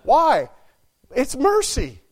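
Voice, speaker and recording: A man preaching a sermon to a church, swinging from quiet asides to loud exclamations. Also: very high voice, huge pitch swings, very slow.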